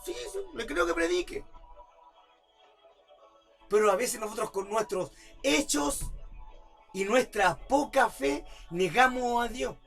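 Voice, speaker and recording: A man's voice: extremely high pitch, animated, takes it slowly, gravelly, long pauses, a bit bright, soft background music. A man preaching a sermon as pastor, repeating rhetorical questions and building to emphatic outbursts. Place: church service.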